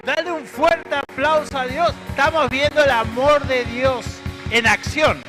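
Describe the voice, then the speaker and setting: A male pastor leads a church service with loud, proclaiming calls. His voice is very high and sounds far from the mic, with clear music playing behind him. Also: steady tone, a little slow.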